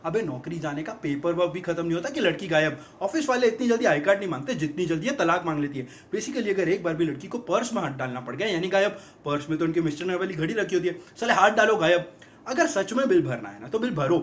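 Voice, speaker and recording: An actor playing an exasperated young man in a rapid-fire, mocking film comedy monologue about girlfriends. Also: sits high, lively intonation, a little hiss or hum. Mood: ranting. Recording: dull lo-fi film audio.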